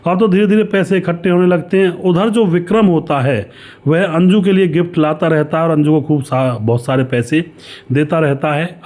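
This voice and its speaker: A man narrating a story in a chatty, conversational manner. He keeps turning to his listeners as friends and circles back over his own words. His voice sits a little high for a man. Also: a little mellow. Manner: addresses listeners as friends, repeats himself.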